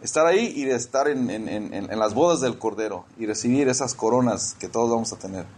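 A man's voice: medium pitch, a little fast, a little mellow, breathy edge. A man preaching a conversational sermon in church, often repeating words as he searches for the next one.

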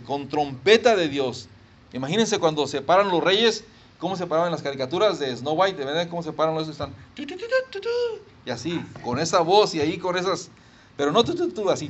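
Male pastor, fairly high voice, animated sermon delivery with acted-out voices. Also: muffled recording. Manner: animated, emphatic, acts out voices and sounds. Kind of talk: sermon and prayer.

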